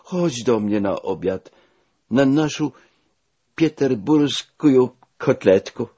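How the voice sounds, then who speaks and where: A frail old émigré princess, tearful and affectionate, her voice climbing high and husky as she draws out each word, as a man reading a memoir puts her on. The sound is dull and lo-fi, like an old audiobook. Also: animated, slow pace, dark tone. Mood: pleading.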